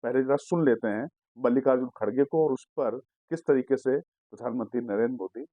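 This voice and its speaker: A man delivers political news commentary in an assertive, explanatory way. His voice sits at an ordinary middle pitch. The sound is dry and a little dull, with no room echo. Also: brisk. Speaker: digital news host.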